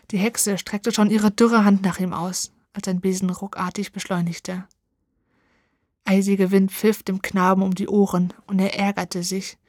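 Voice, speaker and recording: A woman reading a fairy tale aloud, expressive and dramatic, slowing down for tense moments. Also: mid-range voice, no echo, clean studio sound. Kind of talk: storybook narration.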